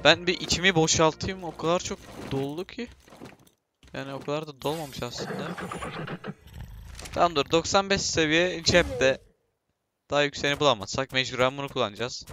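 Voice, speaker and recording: Bright-voiced man chatting over gameplay. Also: a little high, normal speed, long pauses, a little hiss or hum. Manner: chatty, talks to himself and viewers, bursts into excited shouts; self-mocking, laughs often. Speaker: gameplay streamer. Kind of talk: casual gameplay commentary.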